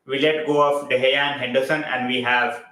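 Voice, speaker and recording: A man with an Indian English accent hosts a casual live stream, chatting loosely and greeting viewers by name. His voice is bright and forward. The room adds a clear echo around it. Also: mid-range voice, little pitch movement, moderate pace. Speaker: football live-stream host.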